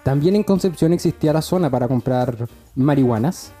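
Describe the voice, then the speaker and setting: A man's voice: mid-range voice, brisk, warm tone, faint music behind. A young man with a Chilean accent telling stories in a casual podcast chat. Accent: Chilean Spanish. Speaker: podcast co-host.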